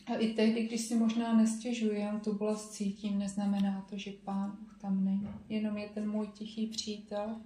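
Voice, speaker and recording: A woman's voice: medium pitch, completely flat delivery, hardly any pauses, warm tone. Woman preaching in an echoey room. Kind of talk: sermon.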